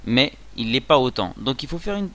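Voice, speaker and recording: A man giving a spoken lesson on reading a Hebrew prayer, explaining patiently with many fillers and sounding words out slowly. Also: medium pitch, very animated, fairly bright tone.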